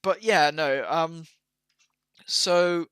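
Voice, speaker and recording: Bright, sweary young man, dry close mic. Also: a little high, drawn-out words, clean tone, no echo. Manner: casual, sweary, animated. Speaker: podcast co-host. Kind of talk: casual chat.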